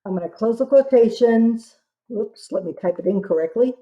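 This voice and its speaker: A woman instructor narrating a software tutorial step by step, dictating what gets typed piece by piece. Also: fairly high pitch, normal speed, dull audio.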